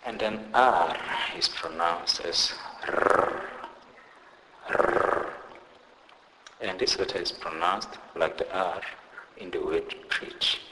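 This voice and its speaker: A man teaching pronunciation in a scripted lesson, deliberately saying each example word twice. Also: deep voice, big-room sound, noisy background. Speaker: language teacher.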